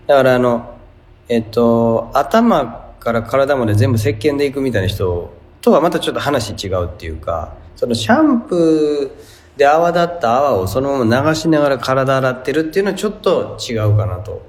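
A man's voice: mid-range voice, lively intonation, normal speed. A man with a Kansai accent hosting a casual radio show, reading listener letters aloud and answering them with amused, playful retorts.

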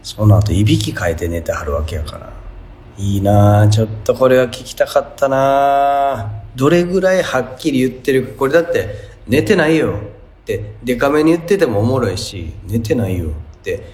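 A man's voice: medium pitch, a little fast, a little mellow. A man with a Kansai accent hosting a casual radio show, reading listener letters aloud and answering them with amused, playful retorts.

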